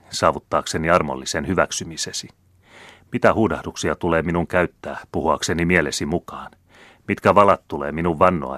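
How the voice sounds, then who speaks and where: A male audiobook reader voicing a suave aristocratic count who speaks with smooth, condescending irony. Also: low-pitched, fairly bright tone, no echo, clean studio sound. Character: suave aristocratic count, coolly mocking diplomat.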